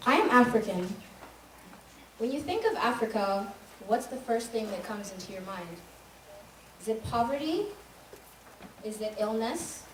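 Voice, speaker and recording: A young Tanzanian woman, a student, delivers an emphatic, rhythmic spoken-word monologue on a school stage. Her fairly high voice is sing-song and a little slow, with frequent pauses. The recording is noisy, echoey, and taken from far off in a hall.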